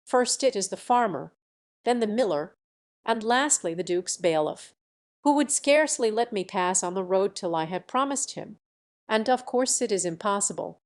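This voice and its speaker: A woman's voice: mid-range voice, lightly acted. A woman voicing a vain, scheming young country woman who brags about her beauty, in a storybook reading. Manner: boastful, self-satisfied.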